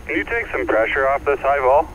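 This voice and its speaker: A man's voice: medium pitch, lively intonation, brisk. A man speaking as a fire incident commander in terse, procedural police and fire radio traffic over a two-way radio. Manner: clipped, procedural. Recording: muffled, very noisy two-way radio transmission.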